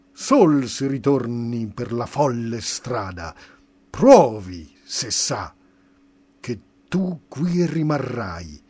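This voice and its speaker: A man voicing scornful fallen angels, loud and haughty. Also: on the low side, breathy edge, exaggerated voice. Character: wrathful chorus of fallen angels guarding a city gate.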